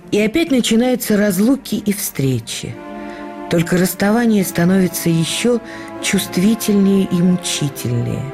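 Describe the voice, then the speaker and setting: With a fairly low voice, an actress portrays a reflective woman remembering life with her late husband. She reads the memoir for a radio production in a measured, expressive, literary style.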